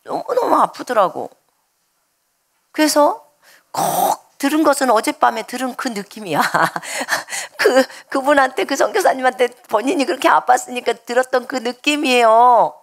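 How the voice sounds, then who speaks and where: Woman preacher telling her story to the congregation, high-ish voice, lots of fry. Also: lively intonation, normal speed. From Jeolla, South Korea. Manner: storytelling, addresses the congregation directly. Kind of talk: sermon with personal testimony. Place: church service.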